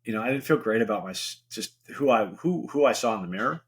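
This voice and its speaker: On a podcast, a middle-aged man who works as a venture investor speaks quickly in a lowish, expressive voice with a slightly rough texture. He rambles candidly through the casual interview, leaning heavily on "you know."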